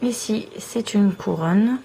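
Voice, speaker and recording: A woman vlogger showing off small trinkets one by one in a slow, admiring show-and-tell. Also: mid-range voice, creaky, noisy background.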